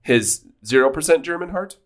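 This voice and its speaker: A man's voice: on the high side, expressive, moderate pace. A man in his thirties co-hosting a podcast in casual, jokey chat, rambling with restarts. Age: 30s. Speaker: podcast co-host.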